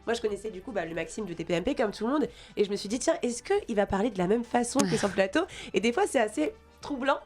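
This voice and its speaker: Fast-talking woman panelist over background music. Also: medium pitch, lively intonation, a little mellow. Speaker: talk show panelist. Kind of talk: casual chat.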